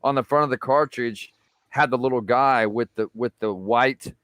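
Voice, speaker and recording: A man in his forties chatting on a live stream, agreeable and quick with "yeah, man". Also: mid-range voice, a bit bright, no echo. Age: 40s. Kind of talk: casual chat on a live stream.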